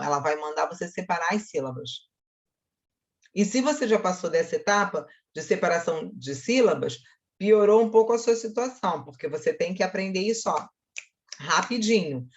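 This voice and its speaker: A woman teacher with a Brazilian accent giving a grammar lesson to schoolchildren, talking straight to her pupils and slowly sounding out syllables. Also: lowish voice, dull audio. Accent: Brazilian Portuguese. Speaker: Portuguese teacher.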